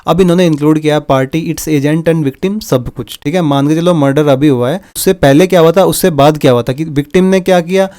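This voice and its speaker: A man's voice: on the high side, fairly quick, few pauses, dark tone. A man teaching a law lesson, often checking understanding with "theek hai" and mixing English legal terms into his Hindi explanation. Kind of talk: explaining lecture with examples.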